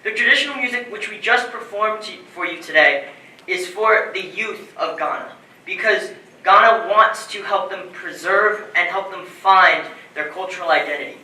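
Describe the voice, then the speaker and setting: A young man student reads a formal closing to a live audience. His voice is high and very bright. It is picked up from afar in an echoey room. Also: normal speed. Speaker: student presenter. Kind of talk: reading a prepared conclusion. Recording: roomy echo, distant from mic.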